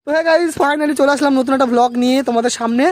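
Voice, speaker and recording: A man's voice: very high-pitched, racing, slight background noise. A young man from Bangladesh chatting casually to his viewers in a travel vlog while riding outdoors on a rural road, often checking in with them. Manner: chatty, keeps asking viewers "okay?". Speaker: vlogger.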